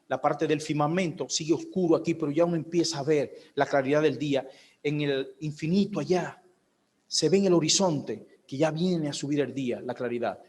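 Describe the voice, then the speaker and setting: Male pastor, slightly high voice, preaching a sermon in a hall with long echo. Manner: preaching with rhetorical questions, acting out a baby's and a mother's voices. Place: church hall.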